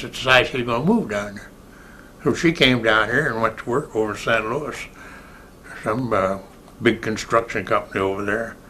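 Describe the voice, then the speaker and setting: An older American man casually recalling his life for an oral history interview, in a rambling, halting way with pauses to remember. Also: medium pitch, fairly bright tone, slight background noise, rough recording. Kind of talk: casual spoken reminiscence.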